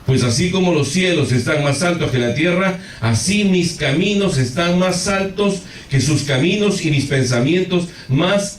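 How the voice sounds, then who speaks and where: Male pastor, lively storytelling sermon, fairly high voice, recorded far off in an echoey hall. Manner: animated storytelling with direct address to the congregation.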